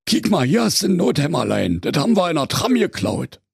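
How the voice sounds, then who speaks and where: A man's voice: on the high side, wildly swooping pitch, brisk, vocal fry, slightly rough, no room sound, clean studio sound, pitched above the performer's own voice, full character voice. A man voicing a cheerful, boozy bunch of male street drinkers in a comic fairy tale. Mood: jovial.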